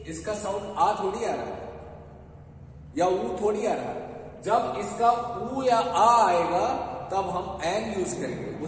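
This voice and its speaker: A man with an Indian accent, pitched fairly high, teaches an English grammar lesson. He keeps asking the class a question and answering it himself, going over each point slowly. He is heard from a distance in a big echoey room with a long tail of reverb and some faint noise underneath. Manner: repeats questions and answers them, drills slowly.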